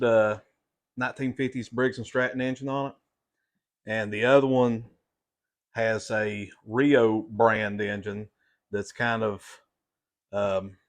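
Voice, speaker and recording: A middle-aged man speaks at a medium pitch. He hosts a casual vlog and sounds folksy and plain-spoken. His delivery is halting, as he works out what to say while he goes. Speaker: host of a hobby repair channel.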